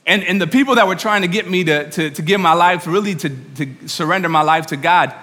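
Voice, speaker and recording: High-pitched, excitable New preacher man. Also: fairly quick. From New York. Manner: excitable, earnest, repeats and rephrases. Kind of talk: sermon to a congregation. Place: large room, speaking to an audience. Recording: reverberant hall sound.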